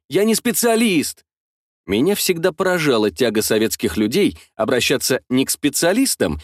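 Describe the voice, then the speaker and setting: A man's voice: medium pitch, dry recording, clean studio sound. A man narrating an audiobook in the first person, wry and colloquial.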